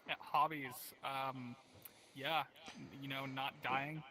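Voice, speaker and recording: A man in the audience giving short, laconic, deadpan answers to a comedian. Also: mid-range voice, slow pace, rough recording. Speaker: audience member. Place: virtual reality session at home.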